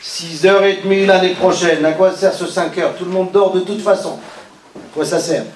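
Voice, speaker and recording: A man's voice: normal speed, slight background noise. A man giving a religious lesson, questioning and teasing his listeners, rising to calls and dropping to murmurs. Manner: animated, questions and teases listeners, swings from loud calls to low murmurs. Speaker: rabbi teaching a class. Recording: echoey room, voice from far off.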